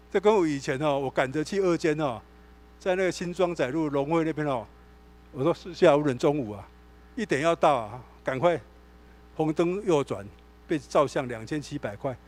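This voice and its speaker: A male pastor with a Taiwanese Mandarin accent delivers a sermon in a church sanctuary. His voice sits a touch higher than most men's. He tells stories with animated energy, acting out the dialogue as he goes. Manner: animated storytelling, acts out dialogue.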